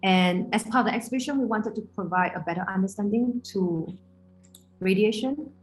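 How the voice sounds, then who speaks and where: A Singaporean woman, acting as a student interviewer, introduces a student project in a casual interview, sounding friendly and hesitant with lots of fillers. Her voice is medium-pitched and brisk, and the recording is rough.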